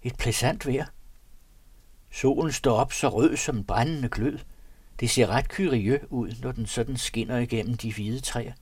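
A man narrates entries from an old diary in a measured, earnest reading voice. His pitch sits in an ordinary middle range. The sound is dry and close. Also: darkish tone, husky, dry recording. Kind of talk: reading a period diary aloud.

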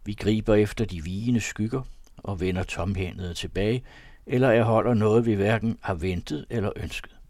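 A man narrating a classic novella as an audiobook, with a measured, expressive reading on a close studio mic. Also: fairly low pitch, no echo. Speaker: audiobook reader.

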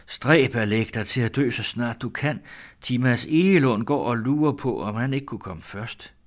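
A man's voice: mid-range voice, lively intonation, pitched above the performer's own voice, close to an everyday voice. A man doing a mad young bride who thinks she is an angel. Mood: fervent.

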